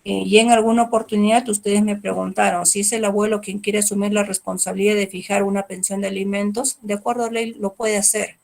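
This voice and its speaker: Peruvian Spanish woman, middle-aged court trainer, gravelly mid-pitched voice, explanatory and patient. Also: flat delivery, brisk, few pauses, darkish tone. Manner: explanatory, with rhetorical questions and fillers. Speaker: court trainer on family law. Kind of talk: training lecture.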